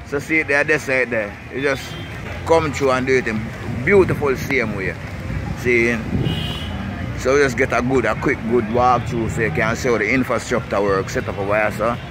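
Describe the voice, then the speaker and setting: A man's voice: medium pitch, normal speed. Jamaican man, Rasta speech, noisy outdoor recording. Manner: rambling and repetitive, with tags like 'see', 'you know', 'blessed love'. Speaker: vlogger. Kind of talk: casual walking-tour commentary in Jamaican Patois with Rasta speech. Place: outdoors in a city park beside busy streets. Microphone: handheld camera while walking. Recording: noisy outdoor camera audio with traffic ambience.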